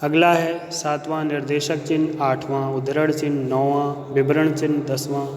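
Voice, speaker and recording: A male Hindi teacher giving a grammar lesson to children, explaining slowly and repeating key points. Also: a little high, level tone, a little mellow, a little hiss or hum. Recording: echoey room with long reverb, faint ambience.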